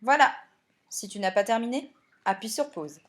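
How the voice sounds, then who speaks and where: A woman teacher giving a recorded spelling lesson to primary pupils, explaining slowly and clearly and speaking to them directly. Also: a little high.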